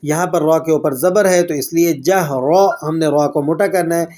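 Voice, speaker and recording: A man teaching a tajweed lesson, explaining rules plainly and then reciting verses slowly and drawn out. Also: on the high side, fairly even intonation, a little mellow.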